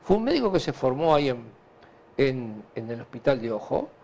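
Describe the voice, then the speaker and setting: A man with a Uruguayan Spanish accent answering conversationally in an interview, halting and repeating himself as he recounts anecdotes. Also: medium pitch, gravelly. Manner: animated, halting and repetitive, with frequent filler tags. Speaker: interview guest, hospital director.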